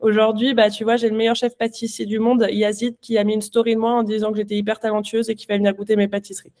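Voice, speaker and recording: A woman's voice: on the high side, little pitch movement, quick pace, a little mellow. A woman coaching pastry exam students in a live online Q&A, chatty and reassuring.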